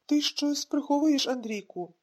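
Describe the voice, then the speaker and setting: A woman's voice: high-pitched, moderate pace, a little mellow, natural voice. A woman reading an audiobook, voicing an anxious elderly mother asking questions on the phone. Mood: worried. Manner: worried, questioning.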